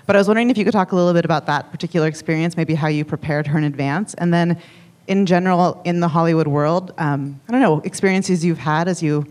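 An audience member asks a long, rambling question at a quick clip, hesitating and adding fillers along the way. The pitch sits in the middle. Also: darkish tone.

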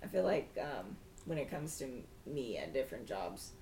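A woman co-hosting a casual podcast chat, speaking in a mostly deadpan way. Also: extremely low pitch, moderate pace, creaky, slight background noise. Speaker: podcast co-host. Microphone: studio microphone.

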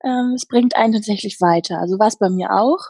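Earnest woman coach, husky voice. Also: medium pitch, a little fast, a little mellow, no echo. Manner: earnest, reflective, many fillers and restarts. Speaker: happiness coach, interview guest. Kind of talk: casual interview talk.

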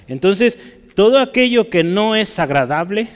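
Guy preaching a bible study, kinda high voice, keeps asking if folks follow, echoey church hall. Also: animated, unhurried, smooth. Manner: teacherly, often checks with the congregation. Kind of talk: sermon, Bible teaching. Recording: church hall with long reverb.

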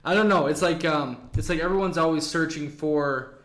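A man's voice: on the high side, normal speed, a bit bright. An American man hosting a podcast interview, talking in an easygoing, rambling way with lots of fillers. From United States. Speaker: podcast host. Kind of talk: casual interview chat. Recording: echoey room.

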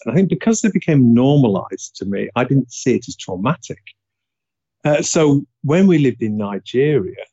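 Talking casually about his life on an interview show, a Leeds man with a Yorkshire accent pauses and hesitates a lot while reflecting. His voice is mid-range, dark and husky, recorded lo-fi without echo.

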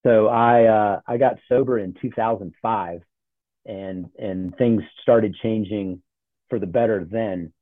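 A man in his forties with a lowish voice, talking easily and rambling a bit with plenty of fillers. He comes through a thin, phone-like line with a dry sound and no room around him. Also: measured pace, no room sound. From born in Ohio, grew up in Charlotte. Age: 40s. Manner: relaxed, rambling with many fillers. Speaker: podcast guest, nonprofit CEO. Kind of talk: casual interview talk. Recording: tinny phone-like call audio.

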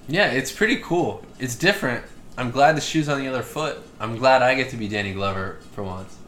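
A young man co-hosts a podcast in casual banter, rambling through crude, self-deprecating jokes and plenty of fillers. His medium-pitched voice is brisk and fairly bright.

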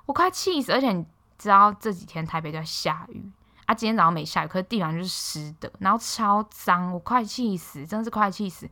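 A young woman from Taiwan hosting a casual solo podcast, telling stories in an animated, exasperated way with sharp quips. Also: fairly low pitch. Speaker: podcast host.

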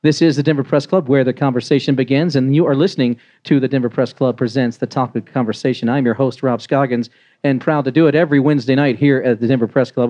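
A man's voice: mid-range voice, mellow, muffled recording. An American man hosting a talk show, casually interviewing and making announcements to listeners. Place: press club before a small live audience.

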